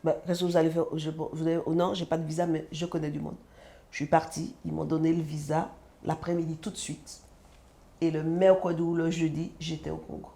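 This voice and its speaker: A woman from the French Antilles, a mother, telling her personal story as a guest in an animated way and acting out the dialogue. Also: low-pitched, a little fast. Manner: animated, acts out quoted dialogue. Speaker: guest, mother of a sick child.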